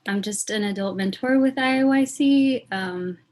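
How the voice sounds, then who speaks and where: A woman from Texas, an adult mentor, introducing herself in a modest, soft-spoken way with frequent pauses. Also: mid-range voice. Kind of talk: casual self-introduction.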